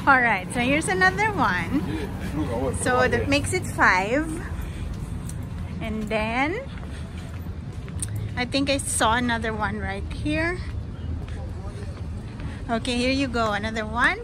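A woman's voice: high-pitched, background noise. A Filipino woman in her thirties narrating a casual walking vlog in English mixed with Tagalog, filmed on a phone outdoors. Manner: chatty, switches between English and Tagalog. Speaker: vlogger walking with her daughter. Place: old town streets outdoors at night and day. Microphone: phone camera held by the walker. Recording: music playing behind.

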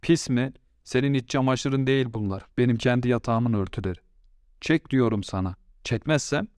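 A man's voice: mid-range voice, moderate pace, darkish tone, no echo, clean studio sound, pitched above the performer's own voice, natural voice. A man voicing a touchy upstairs neighbor woman in an audiobook story, snapping back indignantly.

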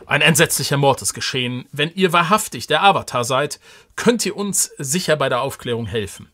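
Ein Mann liest einen ernsten Schultheiß. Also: male voice, medium pitch, expressive, fairly quick, fairly bright tone. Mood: solemn. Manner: formal, solemn, old-fashioned address. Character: stern middle-aged male town official, formal.

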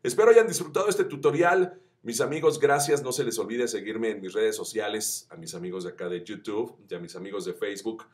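A man teaching voice acting, chatty and encouraging, who demonstrates shouts that climb up the pitch scale. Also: fairly quick, few pauses. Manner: addresses viewers as friends, chatty and encouraging. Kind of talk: tutorial.

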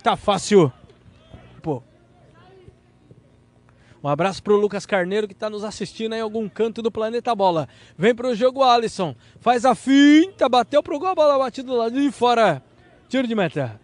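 Male football play-by-play caller, Brazilian accent, very high voice, dry sound. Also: lively intonation, moderate pace, no echo. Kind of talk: live sports commentary.

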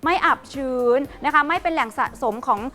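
A woman giving a fast, hype live home-shopping pitch in a polite, emphatic, persuasive way. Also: pushed and bright, faint music behind.

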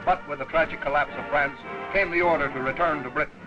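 A man's voice: on the high side, fairly even intonation. Man narrating an old newsreel. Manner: brisk, declamatory. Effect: old newsreel sound. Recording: dull lo-fi 1940s newsreel soundtrack with music. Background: music.

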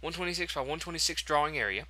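Bright-voiced man talking through a tutorial. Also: on the high side, animated, very fast. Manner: chatty, thinks aloud and corrects himself. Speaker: tutorial host. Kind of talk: casual game tutorial narration.

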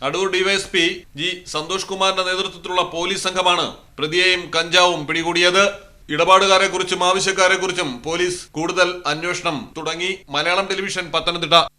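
A man reading a scripted news report as a voice-over in a steady, formal way. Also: high-pitched, fairly quick.

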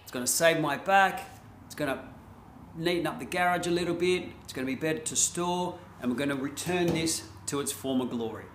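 A man's voice: on the high side, fairly quick, a bit bright, roomy sound, slight background noise. A middle-aged Australian man hosting a casual DIY vlog from his home garage, laid-back and chatty with plenty of ums. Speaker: host.

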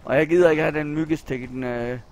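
A Danish-accented man commenting on his own gameplay, muttering anxiously to himself and now and then breaking into loud yelling. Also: on the high side, fairly even intonation. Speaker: gaming channel host.

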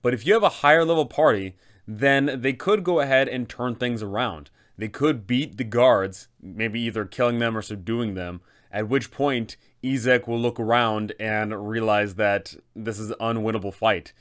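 This thirty-something male host, a game master, gives advice in an emphatic and methodical guide to a tabletop adventure. He speaks at a normal speed with few pauses, in a mid-range voice that sounds fairly bright.

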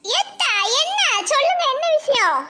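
A woman voicing a scheming, sharp-tongued young daughter-in-law in a cartoon, with a southern Tamil Nadu accent. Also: very high voice, sing-song, unhurried, heavy background noise. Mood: sleepy excuse. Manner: indignant, argumentative. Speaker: cartoon creator voicing characters.

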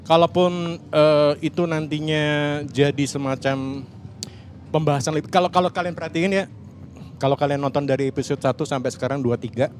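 A man's voice: fairly high pitch, brisk, a little mellow, a little hiss or hum. A man, a podcast co-creator explaining his camera and sound work on a panel, often restarting and searching for words. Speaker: podcast co-creator and cinematographer guest. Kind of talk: casual panel talk, explaining.

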